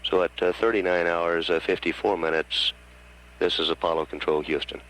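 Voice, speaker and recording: Deep, monotone male mission control announcer. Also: rough recording. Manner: halting, hesitant delivery full of pauses. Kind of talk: formal mission status announcement. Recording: faint hum on archival broadcast line.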